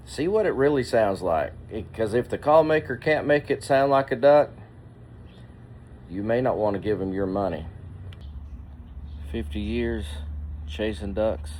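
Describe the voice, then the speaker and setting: A man in his sixties speaking to viewers in a reflective, deliberate monologue, pausing often and posing rhetorical questions. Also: lowish voice, darkish tone, a little hiss or hum. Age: 60s. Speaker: duck hunter and caller, vlogger.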